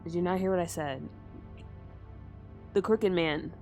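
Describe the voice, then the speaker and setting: A woman's voice: lowish voice, a little slow, mellow. Young woman streamer, casual let's-play chatter, exasperated overthinker, faint game music under her voice. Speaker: gaming streamer.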